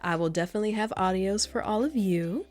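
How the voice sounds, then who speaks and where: Soft-spoken woman, whispered role-play, proper. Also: mid-range voice, brisk. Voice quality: slightly nasal. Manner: soft, proper and a little monotone; coos endearments like darling. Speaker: ASMR creator.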